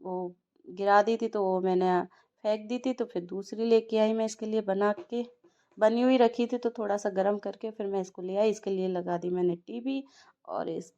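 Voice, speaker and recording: A woman's voice: medium pitch, fairly even intonation, normal speed, warm tone, highs cut off. A young woman, a mother casually narrating her day at home, chatty and telling stories with small laughs.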